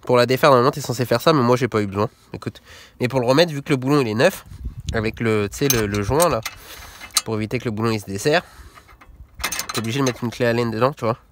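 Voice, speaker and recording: A man's voice: mid-range voice, quick pace, a little hiss or hum. A young man casually explaining a car repair in a workshop, slangy and swearing, constantly saying "tu vois". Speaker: car mechanics vlogger. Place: garage workshop.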